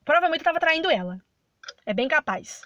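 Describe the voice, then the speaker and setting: Chatty high-voiced woman gamer. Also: sing-song, a little fast, bright, forceful tone, highs cut off. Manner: chatty, reacting aloud with gasps and exclamations. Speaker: gameplay video host. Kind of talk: casual let's-play commentary.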